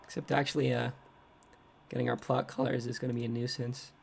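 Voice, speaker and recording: A man's voice: medium pitch, level tone, brisk, vocal fry, darkish tone, slight background noise. A man chatting casually on a trading livestream, rambling and poking fun at himself as he reacts to his screen. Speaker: crypto trading streamer.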